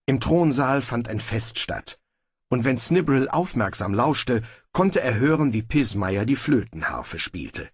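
A man giving scripted audiobook narration with lively storytelling. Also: mid-range voice, a little slow, breathy edge, no room sound, clean studio sound.

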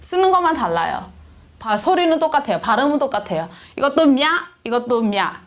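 A woman teaching a language lesson, repeating each syllable slowly for drilling. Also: high voice, sing-song.

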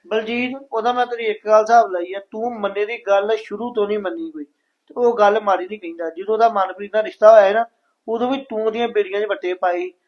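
A man playing a father who reasons calmly with his wife in a family drama. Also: sits high, fast, highs cut off. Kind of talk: scripted family drama acting.

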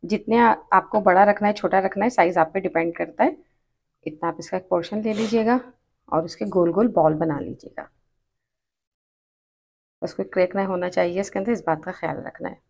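A woman's voice: on the low side, moderate pace, creaky, long pauses, darkish tone. Patient woman with a Pakistani Urdu accent teaching a recipe. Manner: patient, repeats each step and tip. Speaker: cooking channel host. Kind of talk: step-by-step recipe instructions. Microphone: off-camera voice over hands-only cooking shots.

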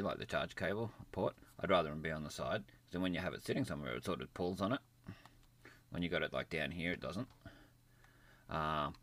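A man's low-pitched, fairly bright voice is captured in a dry recording. As a gadget reviewer at a desk near a computer indoors, he gives a relaxed, unscripted hands-on demo and keeps it plain-spoken.

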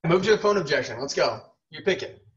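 A man's voice: a little high, expressive, fairly quick, a bit bright. A man speaking as a sales trainer and host, giving emphatic, punchy motivational coaching and repeating himself for effect. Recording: distant mic, dull lo-fi sound.

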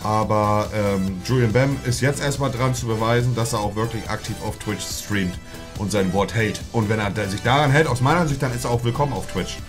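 A man's voice: fairly low pitch, brisk. A young man, casually commenting on his FIFA pack openings in slangy street talk, with game music faintly behind him. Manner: slangy, says "Digga" constantly, bursts into shouting at good pulls. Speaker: streamer opening FIFA packs. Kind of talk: casual live-stream commentary.

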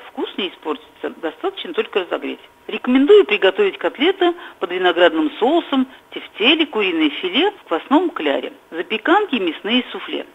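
A woman's voice: mid-range voice, breathy edge. A woman reading scripted cooking advice as a voice-over, in an advising manner. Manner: advising, lively delivery. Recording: dull lo-fi recording.

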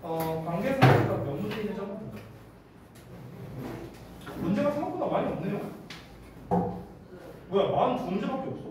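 A man with a high, lively voice is teaching an English grammar class. He talks with emphasis and often stops to ask quick questions to be sure the students follow, recorded from afar in a noisy, reverberant room.

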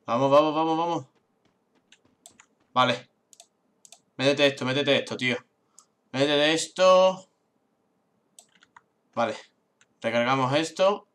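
Young male gaming YouTuber, bright tense tone, repeats words in frantic bursts. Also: mid-range voice. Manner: excitable, swears, repeats words rapidly. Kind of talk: live gameplay commentary.

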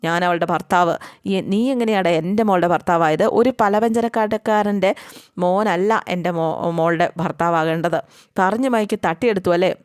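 A woman's voice: lowish voice, moderate pace, a little mellow, clear, resonant tone, no echo, studio quality, lightly acted. A woman voicing a proud, angry middle-aged father, an official who looks down on his daughter's husband. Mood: contemptuous. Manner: contemptuous, interrogating.

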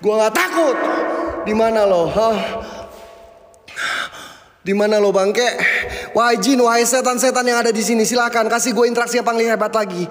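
High-voiced man taunting in an echoing building. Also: normal speed, pauses often. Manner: brash, taunting slangy talk. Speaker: ghost-hunting vlogger. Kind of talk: casual live ghost-hunting commentary. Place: abandoned school at night.

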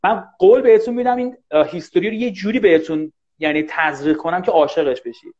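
A man teaching English in a casual live online class, talking fast and animated and often thanking viewers. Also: high voice. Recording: dull lo-fi livestream audio.

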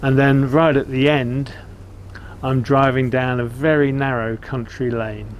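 A man's voice: medium pitch, steady tone, measured pace. An older man with an English accent, chatting casually and plainly to camera as he hosts a vlog about his trip. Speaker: vlog host. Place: outdoors, seated beside a narrowboat. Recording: clear outdoor ambient noise.

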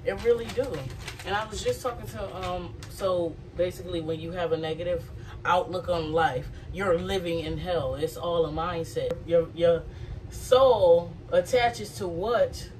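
A woman's voice: on the low side, measured pace, darkish tone, far from the mic, slight background noise. A woman in her thirties chatting to camera in a small home kitchen in a loose, reflective, rambling way. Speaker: vlogger. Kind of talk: casual chat to camera while cooking. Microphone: phone camera propped on counter.

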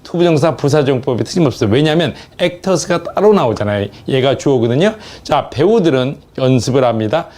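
A middle-aged man teaching English grammar in Korean, explaining test answers step by step and reading English phrases slowly with a Korean accent. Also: mid-range voice, expressive, a little mellow.

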